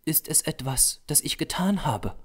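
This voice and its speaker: A man's voice: expressive, measured pace, breathy edge. A man voicing a young female artist's model who scolds and teases in a raised voice. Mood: worried. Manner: high, scolding and teasing.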